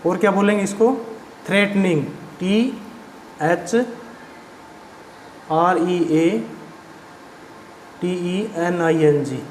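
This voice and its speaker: High-voiced man spelling out vocabulary. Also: steady tone, drawn-out words, pauses often, darkish tone. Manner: spells words letter by letter, asks and answers his own questions. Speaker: vocabulary teacher. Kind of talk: classroom vocabulary lesson. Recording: echoey room with faint background noise.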